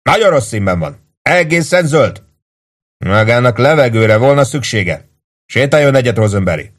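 A man voicing an excitable, fretful army lieutenant who bursts into agitated exclamations. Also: medium pitch, voice pushed up, lightly acted. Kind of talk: audiobook character voice.

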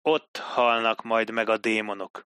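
A fierce, boastful fortress commander who savours every threat, as a male narrator puts him on. The delivery is forceful and dry, close to the mic. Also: fairly low pitch, flat delivery, clean tone, no room sound. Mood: menacing. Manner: boastful, menacing.

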